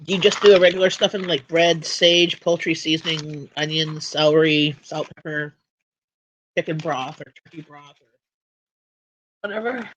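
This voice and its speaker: A woman hosts a relaxed livestream chat from her home. She talks in a loose, rambling way and often backs up to restart her sentences. There is a faint hiss of background noise under her voice. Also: low-pitched, unhurried, poor audio. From Canada. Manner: rambling and chatty, with frequent restarts. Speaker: livestream host. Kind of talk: casual chat.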